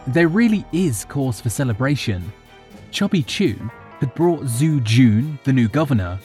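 A man putting on an eager, excitable male retainer. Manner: breathless, eager, high-pitched.

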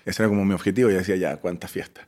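A man from Chile, a startup founder in his forties, telling stories as an interview guest with an expressive delivery that swings between loud bursts and soft asides. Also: low voice, racing. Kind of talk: animated storytelling interview.

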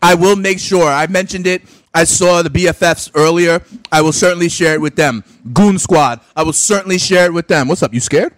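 A man's voice: on the high side, a little fast, no room sound. A young man hosting a fantasy sports radio show, chatting casually and animatedly while opening gifts. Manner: animated, exclaiming, talks with mouth full.

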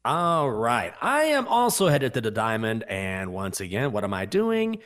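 A man's voice: mid-range voice, huge pitch swings, a little slow, a bit bright. A man hosting a sports betting show, hyping his picks in a confident, punchy tipster manner. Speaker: host.

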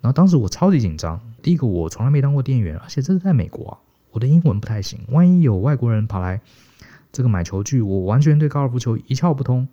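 A middle-aged man from Taiwan telling stories casually as a podcast co-host, animated and chuckling. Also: medium pitch, fast. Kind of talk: casual storytelling. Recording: dull, muffled podcast audio.

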